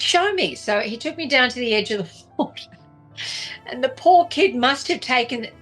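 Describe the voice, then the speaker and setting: A woman's voice: on the high side, a bit bright. Rambling woman telling a story. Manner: rambling, with many restarts and fillers. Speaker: vlogger. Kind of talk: casual storytelling monologue.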